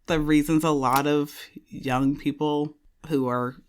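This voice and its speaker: A woman's voice: sits low, steady tone, measured pace. A woman in her thirties, a podcast host sitting in as the guest, chatting casually and rambling, correcting herself and laughing often.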